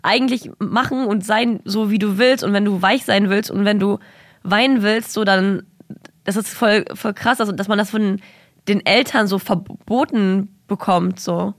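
A woman's voice: mid-range voice, steady tone, moderate pace, dry recording, studio quality. A woman co-hosting a casual conversation, speaking in a colloquial, loosely phrased way.

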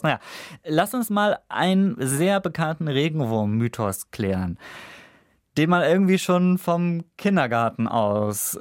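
A man's voice: mid-range voice, no room sound. A man hosting a science podcast in a studio, asking playful, jokey questions in casual chat. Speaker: podcast host. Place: radio studio.

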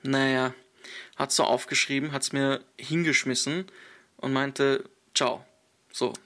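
A young adult man, a guest, telling a personal story in casual speech with animated quotes and many fillers. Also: medium pitch, measured pace.

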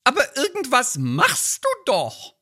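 A man playing a fussy, nagging middle-aged wife in a recited comedy sketch, with a shrill, reproachful voice. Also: wildly swooping pitch, unhurried, bright, forceful tone, husky, exaggerated voice.

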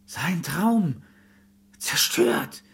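A husky, pleading insurance seller. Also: male voice, fairly high pitch, big pitch swings, extremely slow, a bit bright, exaggerated voice. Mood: persuasive. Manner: persuasive, apologetic pleading. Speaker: insurance salesman. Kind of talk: film drama acting.

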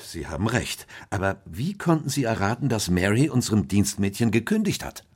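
An actor playing a genteel, earnest Victorian doctor who narrates and converses in a German radio play. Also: male voice, on the low side, very animated, fairly quick, breathy edge. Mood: sceptical, puzzled. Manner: earnest, gentlemanly.

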